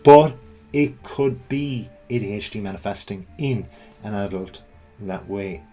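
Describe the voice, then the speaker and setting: A man's voice: lowish voice, unhurried, mellow, soft background music. A middle-aged man presenting an informal explanatory talk, conversational, often checking in with the listener. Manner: conversational, rhetorical check-ins.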